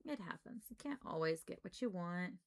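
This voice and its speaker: A woman's voice: fairly low pitch, lively intonation, moderate pace, vocal fry. A woman livestreamer chatting casually in an informal, rambling way.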